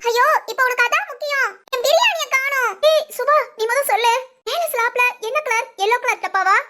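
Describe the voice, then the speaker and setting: A woman voicing an excitable young wife in a cartoon family comedy, given to whiny, giggly complaints. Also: very high-pitched, a little fast, heavily acted. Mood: fretting. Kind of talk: cartoon voice acting.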